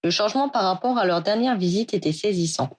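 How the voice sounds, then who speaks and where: A woman reading fan fiction aloud as an audiobook in a steady storytelling manner. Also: mid-range voice, fast. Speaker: reader.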